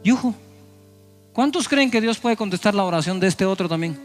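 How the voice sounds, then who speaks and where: High-voiced preacher asking emphatic questions. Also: male voice, animated, normal speed, faint music behind. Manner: emphatic, rhetorical questions to the congregation. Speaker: pastor. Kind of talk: sermon.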